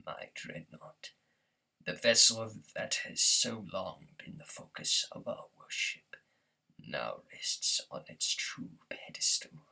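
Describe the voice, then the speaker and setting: A man voicing a thunderous, wrathful alien prophet from a video game, pompous and zealous, with a husky, gravelly, breathy voice and grand, solemn oratory. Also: low voice, big pitch swings, slow, bright, forceful tone, in a whisper, recorded from a distance, full character voice, rough recording. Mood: reverent, grandiose. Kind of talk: theatrical game villain impression, grand speeches.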